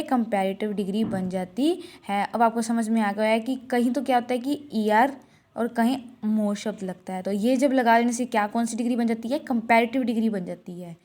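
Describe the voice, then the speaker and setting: Woman teacher, high voice, repetitive question-and-answer drilling, slow drawn-out examples, grammar lesson. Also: darkish tone. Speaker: school English teacher.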